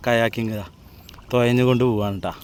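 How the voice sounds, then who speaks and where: A man with a Kerala accent narrating a casual, excited outdoor vlog, mixing English slang into his Malayalam and repeating catchphrases. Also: medium pitch, fairly quick, slight background noise. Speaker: vlogger. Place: outdoors, in a small boat on water.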